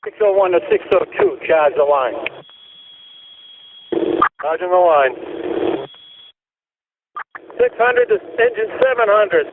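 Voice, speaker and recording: A high-pitched male firefighter talks over a two-way radio at a fire scene. His urgent calls are clipped and procedural. The sound is narrow and phone-like, with obvious noise around it. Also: expressive, slow, pauses often. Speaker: firefighters and incident commander on fireground radio.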